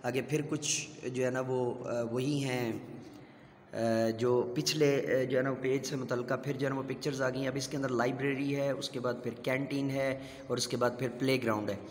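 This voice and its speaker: A middle-aged male teacher slowly explains a kindergarten English textbook, switching between two languages, using many fillers and spelling words out letter by letter. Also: medium pitch, little pitch movement, slight background noise. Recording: echoey room with long reverb.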